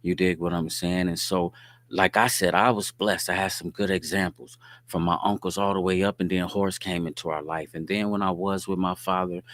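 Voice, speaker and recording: A middle-aged man from Indianapolis hosting a podcast, telling stories in a laid-back, streetwise way and often checking in with his listeners. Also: sits low. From Indianapolis, USA. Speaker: podcast host. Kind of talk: casual storytelling talk.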